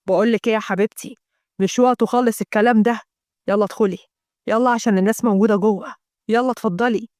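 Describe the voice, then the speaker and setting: A woman's voice: fairly high pitch, steady tone, fast talker, a little mellow, no room sound, studio quality, pitched below the performer's own voice, natural voice. A woman voicing a scheming young businessman with an Egyptian accent, talking in pushy, condescending sweet talk. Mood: smug. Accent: Egyptian Arabic.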